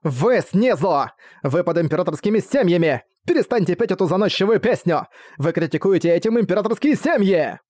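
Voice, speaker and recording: A man's voice: fairly high pitch, fast talker, a little mellow, dry recording, clean studio sound, lightly acted. A man voicing a haughty, cruel young female villain in an audiobook, cold and scornful. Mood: furious. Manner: cold, scornful, spitting words. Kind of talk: audiobook character voice.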